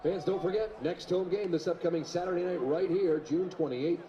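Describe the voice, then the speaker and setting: A man's voice: high-pitched, highs cut off. A man making formal announcements at a baseball park, heard through the stadium public address system. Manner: formal, measured announcer delivery. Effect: heard over a stadium PA system. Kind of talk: ballpark PA announcements. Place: outdoor ballpark. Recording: echoing stadium loudspeaker outdoors.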